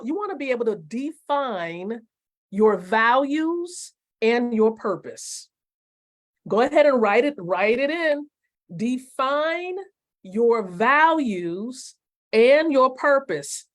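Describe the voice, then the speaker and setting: A woman in her forties teaching network marketing on a live stream, emphatic and repeating her key points slowly while asking viewers questions. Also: fairly high pitch, animated. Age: 40s.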